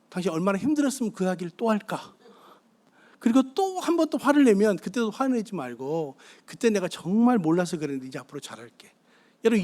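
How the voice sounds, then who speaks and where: A middle-aged man preaching a sermon on marriage to a church congregation, asking them questions as he goes. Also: high voice. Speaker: guest pastor. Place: church sanctuary.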